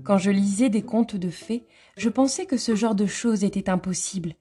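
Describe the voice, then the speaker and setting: A woman's voice: medium pitch, moderate pace, dark tone, soft background music, close to an everyday voice. A woman voicing a curious young girl in a storybook reading, musing aloud to herself in a wondering tone.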